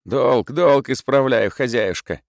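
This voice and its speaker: A man's voice: mid-range voice, slow, dry recording, clean studio sound, voice pushed up. A man voicing a fawning, pleading drunken clerk in a storybook reading, with fervent, wheedling speech. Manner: fervent, wheedling, bowing and scraping.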